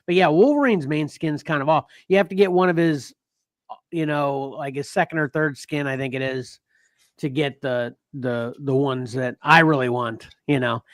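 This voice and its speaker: A chatty man hosting a casual podcast, his voice sitting a bit high. He rambles and restarts himself as he goes. The sound is dry and close, with no room echo. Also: normal speed. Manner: rambling, restarts, laughs often. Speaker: podcast host. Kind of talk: casual chat.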